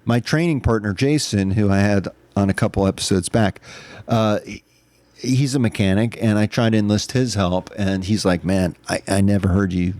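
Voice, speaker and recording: Brief: male podcast host, low, warm and relaxed voice, earnest and candid, dry close sound. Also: moderate pace, no echo. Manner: candid, earnest, self-reflective storytelling. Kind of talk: casual solo podcast monologue.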